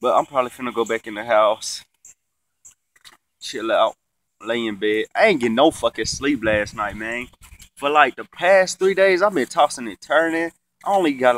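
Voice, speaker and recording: A young man talks into his phone outdoors with a stuffy nose, sounding a bit sick. His pitch is average for a man. He rambles casually in slang and swears freely, in a laid-back vlog style. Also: moderate pace, a bit bright. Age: young adult. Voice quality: stuffy-nosed, congested sound. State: sick with the sniffles. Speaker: vlogger. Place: outdoors in a yard, reclining in a chair. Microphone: phone at arm's length.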